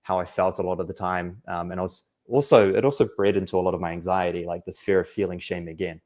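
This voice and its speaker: Reflective deep-voiced young man. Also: fairly even intonation, fast talker, a little mellow. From New Zealand. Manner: reflective, many fillers. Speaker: anxiety coach guest. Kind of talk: casual podcast interview.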